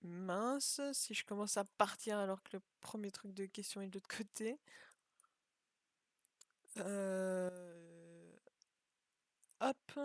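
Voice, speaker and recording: A woman's voice: medium pitch, no room sound, studio quality. Chatty young woman commenting on a game. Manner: chatty, self-mocking, thinks aloud. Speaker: gaming video creator. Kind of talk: casual gameplay commentary.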